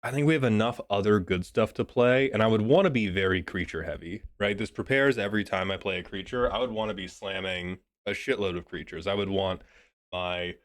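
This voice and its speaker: A man giving a casual, joking review of a card deck, a bit sick and clearing his throat, swearing as he thinks aloud. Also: lowish voice, brisk. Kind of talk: casual commentary.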